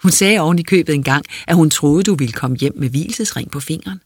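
A hesitant grown sister, soft-spoken and gently probing, as an audiobook reader puts her on. Her voice is a little husky and close, with a dry sound and no room around it. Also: mid-range voice, animated, no room sound. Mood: wry. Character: hesitant adult woman, narrator's sister.

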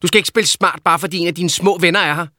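Scolding older woman, gray-haired shop owner, high, loud, sharp, as a male reader puts her on, dry audiobook sound. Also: fairly even intonation, dry recording. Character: stern older mother, gun shop owner.

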